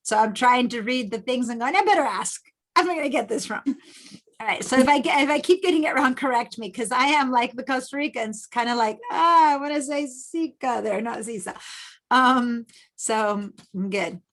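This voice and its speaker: Chatty Argentinian teacher on a video call. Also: female voice, a little high, moderate pace. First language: Spanish. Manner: chatty, warm greetings, rambling asides. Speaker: illustration teacher. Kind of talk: online class instruction. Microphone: Bluetooth headset on video call.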